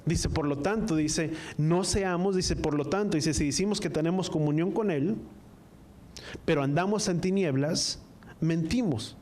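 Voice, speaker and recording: A male preacher with a slightly raised pitch leads a sermon, drawing out each line of scripture. He keeps turning to the congregation with questions and asks them to say the words back to him. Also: darkish tone. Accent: Spanish-speaking, from the US-Mexico border. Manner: call-and-response, asks the congregation to repeat after him; reads scripture slowly, line by line. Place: church service, also streamed online.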